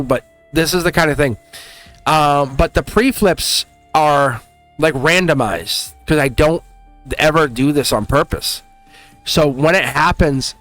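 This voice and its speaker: Male tarot host, middle-aged, Boston accent. Very lively intonation, slangy and exclamatory, dry close sound with faint music. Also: mid-range voice, no room sound. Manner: exclamatory, slangy, addresses viewers directly. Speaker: tarot reader and channel host. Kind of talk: casual, rambling zodiac tarot reading to viewers.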